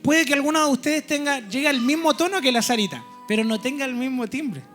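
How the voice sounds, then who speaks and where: Guy preaching in church, kinda high voice, keeps asking the crowd if they follow, soft music under. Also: fast. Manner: explanatory, often checks in with listeners. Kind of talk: teaching sermon.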